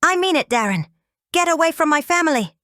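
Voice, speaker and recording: A woman voicing a calm, steady husband and father in an audiobook. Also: mid-range voice, normal speed, no echo, close to an everyday voice. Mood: firm. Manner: calm, firm. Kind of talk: audiobook character voice.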